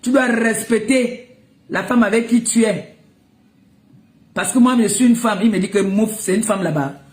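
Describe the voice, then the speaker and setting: Ranting live on social media, a woman from Cameroon scolds and mocks someone, bursting into laughter along the way. She speaks at a moderate pace in a fairly high voice with a darkish tone, and the audio echoes.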